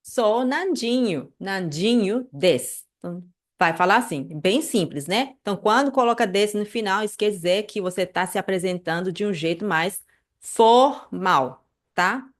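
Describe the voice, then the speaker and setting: A woman teaching a casual live online class, chatty and animated, checking in with listeners often. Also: medium pitch, moderate pace. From Brazil. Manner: chatty, many fillers like "né" and "tá", animated asides. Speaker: Japanese language teacher.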